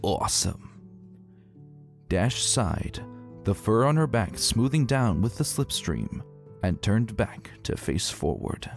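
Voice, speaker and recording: With a gravelly, lowish voice and a slow pace, a man narrates fan fiction aloud as a scripted story. His reading is dramatic, expressive and theatrical, with music playing behind him.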